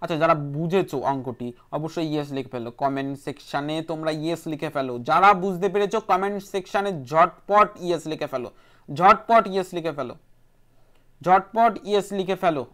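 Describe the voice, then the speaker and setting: A woman teaching an online math class for an entrance exam in a brisk way, repeating each step and number aloud. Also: sits low.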